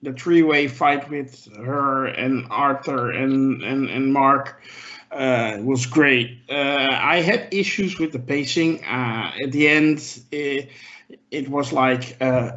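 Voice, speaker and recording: A man's voice: medium pitch, takes it slowly. A man on a podcast panel giving his opinion in a casual, hesitant way, full of fillers. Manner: hesitant, many fillers, gets excited. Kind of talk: casual discussion. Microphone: handheld mic moved about. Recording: muffled lo-fi audio.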